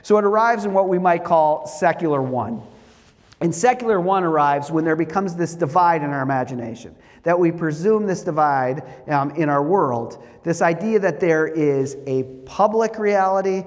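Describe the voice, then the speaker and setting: A middle-aged man lectures in a wry, lively storytelling manner. His fairly high voice rings out with a long reverb, as if heard across a church sanctuary. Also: normal speed. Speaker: guest lecturer.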